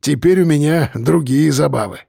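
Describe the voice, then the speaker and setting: A man's voice: fairly high pitch, normal speed, dark tone, dry recording, clean studio sound, heavily acted. A man doing a grumbling older patient. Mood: warm. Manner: grumbling, gruff.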